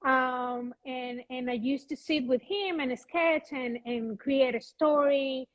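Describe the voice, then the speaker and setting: Higher-pitched woman, lo-fi sound. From Venezuela. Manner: halting, many restarts, light laughs. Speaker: guest photographer. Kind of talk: casual interview chat. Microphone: video call.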